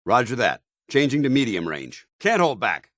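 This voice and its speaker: An actor playing a stern, dutiful, righteous paladin soldier in a video game, with a clipped, authoritative military delivery. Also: male voice, medium pitch, sing-song, normal speed, a bit bright, dry recording, clean studio sound. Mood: crisp, alert. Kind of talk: video game companion voice lines.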